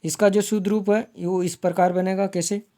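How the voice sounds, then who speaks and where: A man teaching Hindi grammar for exams, repeating each word slowly to spell it out and calling viewers his friends. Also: high-pitched, flat delivery, mellow. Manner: slow, repeats words to spell them out. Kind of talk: exam-prep lesson.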